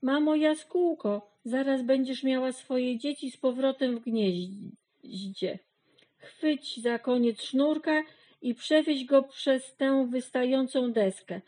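A woman's voice: high-pitched, slow, dark tone, voice pushed up, poor audio. A woman voicing an eager, friendly young male dog who leads the farm animals in a storybook reading. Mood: eager, bossy.

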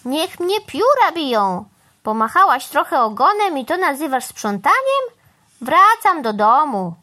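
A woman voicing an excitable, fussy male crow who squawks indignant exclamations. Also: sits high, measured pace, pitched above the performer's own voice, heavily acted. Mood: bossy.

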